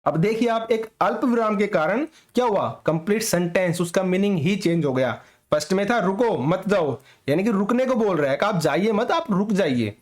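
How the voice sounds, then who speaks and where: Man w a high voice running an exam prep lesson, asks himself questions then answers, keeps checking in. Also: expressive, moderate pace, hardly any pauses. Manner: explains by asking and answering his own questions; adds frequent tag checks after points. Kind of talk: classroom-style lecture.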